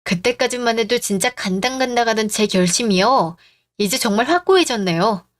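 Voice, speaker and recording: A woman reading a scripted family-drama story in a calm, firm and pointed manner. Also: a little high, normal speed. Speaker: story narrator and wife character.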